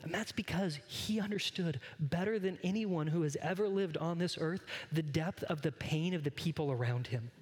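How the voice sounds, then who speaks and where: A man's voice: a little high, moderate pace, few pauses, a little mellow, long reverb tail. A man pastor giving a sermon, earnest and conversational, often turning to speak straight to his congregation. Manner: conversational, earnest preaching that addresses the congregation directly.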